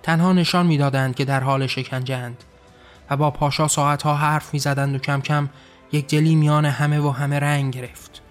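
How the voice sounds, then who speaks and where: A man narrating a scripted story in a steady, even reading. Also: a little high, soft background music.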